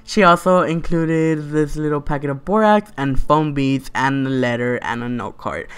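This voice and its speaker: A man's voice: a little high, moderate pace, a bit bright, clean tone. A man giving a casual, gushing voice-over product review, peppering it with "like", "super" and "you guys". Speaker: slime shop reviewer, video host.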